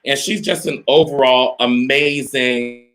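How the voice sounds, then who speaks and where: A man's voice: medium pitch, fairly even intonation, a little slow, a bit bright. A man hosting a casual live-stream interview, hyped and repetitive, calling out to viewers as y'all. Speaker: host.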